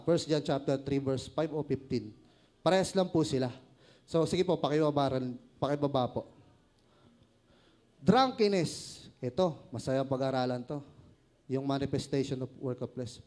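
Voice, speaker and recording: A man's voice: mid-range voice, moderate pace, a little mellow. A man with a Filipino accent preaching a sermon, joking, laughing at his own stories and asking the congregation questions.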